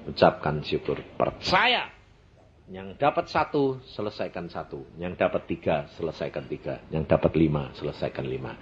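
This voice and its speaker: A man's voice: rumbling low, highs cut off, a little hiss or hum. A man in his eighties with a Javanese accent preaching a sermon, telling stories and acting out dialogue with sound-effect words. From Central Java, Indonesia. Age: 80s. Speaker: evangelist preacher.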